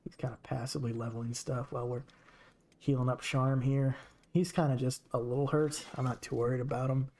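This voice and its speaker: A man's voice: mid-range voice, level tone, fairly quick, darkish tone. A man streaming a game with casual commentary, chatting to his characters as he plays.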